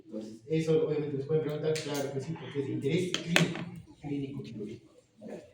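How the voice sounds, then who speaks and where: A man lectures a class in a fairly high voice and keeps checking that the students are following. He sounds far from the microphone, in a very echoey room with clear background noise. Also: fairly even intonation, a little fast. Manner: questioning, checks understanding often. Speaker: medical lecturer.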